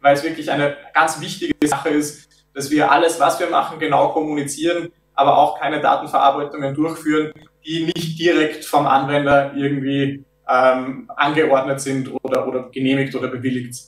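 A man in his thirties, a product developer, explains things step by step in an interview over a video call from an office meeting room. His voice is slightly raised, a little high, and flat, and he's measured but keeps pausing on filler sounds. The audio sounds roomy and distant.

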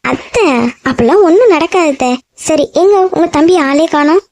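A woman's voice: high-pitched, animated, normal speed, a little mellow, no echo. A woman voicing a sweet, naive cartoon girl. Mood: pleading. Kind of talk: animated cartoon voice acting.

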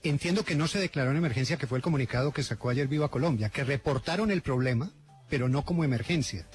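A man's voice: medium pitch, fast talker, faint music behind. A man commenting as a journalist in a live radio news discussion.

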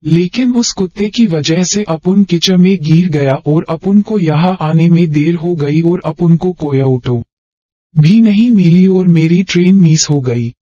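A man's voice: a little high, unhurried, mellow, dry recording. A man voicing a brash young woman who flips between whiny pleading and cocky street slang, on a dull lo-fi recording. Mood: cheeky.

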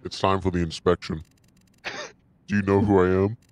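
A man speaking through a voice changer that morphs his voice deep, voicing a gruff male detective and manager in a game with friends, with improvised, halting lines. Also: level tone, a little mellow. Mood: smug. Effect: deep voice changer altering his voice.

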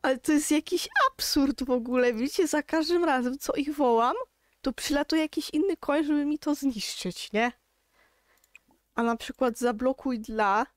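A woman's voice: high-pitched, measured pace, no echo, clean studio sound. A young woman with a Polish accent giving casual gameplay commentary, chatty and exasperated, talking straight to her viewers. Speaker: gaming YouTuber.

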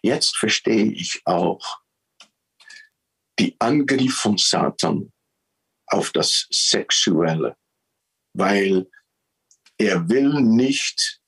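A man preaching a sermon, telling the story in an animated way and often repeating his words. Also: lowish voice, very slow, vocal fry, pauses often, husky, poor audio.

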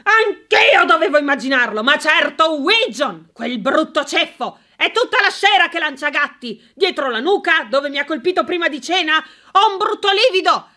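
A woman voicing an irate elderly English country gentleman who shouts and blusters in outrage, in an audiobook. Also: high voice, a little fast, few pauses. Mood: furious. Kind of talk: audiobook character voice.

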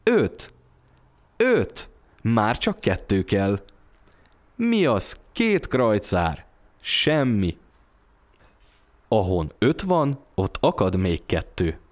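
A man's voice: lowish voice, big pitch swings, long pauses. A man voicing a poor, frail young mother who keeps joking through hard times, told in an audio storybook. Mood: cheerful. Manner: playful, jokes through poverty.

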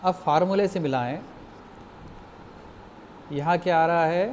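A man teaching music theory in a slow, patient lecture, explaining step by step and asking the class questions. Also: fairly high pitch, a little mellow, slight background noise.

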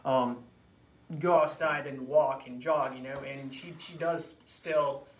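His tone steady and his pitch medium, an Iraqi chiropractor in his late 20s tells a story from his own life while being introduced in an informal interview. The delivery is halting, with words and phrases repeated. Recorded indoors in a small office by a phone camera a few feet off, the audio is echoey and distant with faint noise.

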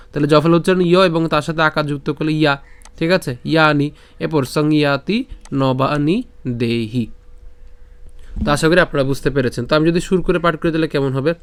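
Man teaching gita verse pronunciation, super clear smooth voice, a bit high, keeps asking "ok?". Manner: breaks verses into syllables, then chants slowly; checks in often with the listener. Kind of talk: online Sanskrit pronunciation lesson.

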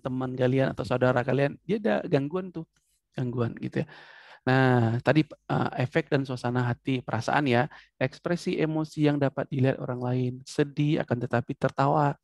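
Gravelly-voiced man teaching a class. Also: medium pitch, dry recording, studio quality. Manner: animated, acts out short examples. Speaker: psychology teacher. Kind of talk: classroom lecture.

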